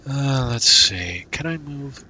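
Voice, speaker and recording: A man's voice: medium pitch, expressive, takes it slowly, bright, forceful tone, slight background noise. A man streaming a puzzle game, thinking aloud in a casual, muttering way as he works through it. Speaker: gaming streamer. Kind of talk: casual let's-play commentary.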